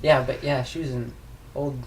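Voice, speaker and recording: A man's voice: medium pitch, steady tone, normal speed, crowd noise. A teenage man hosting a podcast, telling rambling stories in casual chat and laughing through them. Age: teens. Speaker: podcast host.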